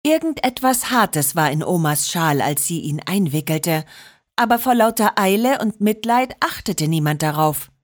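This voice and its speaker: A woman narrating a children's storybook in an expressive, unhurried way. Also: on the low side. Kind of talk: storybook reading.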